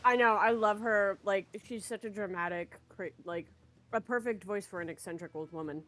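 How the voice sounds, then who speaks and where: A woman's voice: medium pitch, normal speed, a bit bright. A woman co-hosting a game stream in casual, slangy, enthusiastic chat.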